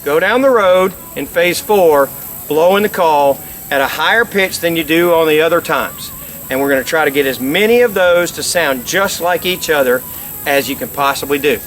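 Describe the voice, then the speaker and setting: A man's voice: fairly high pitch, normal speed, a bit bright, faint music behind, poor audio. A middle-aged man giving an instructional how-to demonstration outdoors, explaining with emphatic repetition. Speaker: instructor, game call company presenter. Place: outdoors by a lake.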